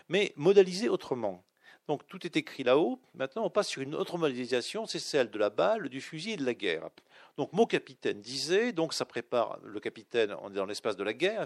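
A man's voice: on the high side, dry recording, studio quality. A middle-aged man teaching literature, explaining a text aloud with frequent fillers, restarts and ironic asides.

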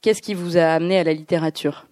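Woman, event host, smooth clear voice, dry sound, hesitant halting delivery, introducing a guest. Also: lowish voice, steady tone, darkish tone, no echo. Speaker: host of a bookshop author event. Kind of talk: live event introduction and interview.

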